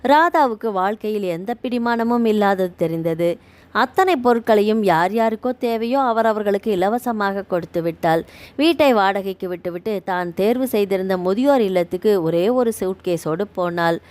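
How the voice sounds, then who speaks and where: A woman's voice: mid-range voice, moderate pace, a little mellow. A woman narrating a novel as an audiobook, reading steadily and evenly. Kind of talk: storybook narration.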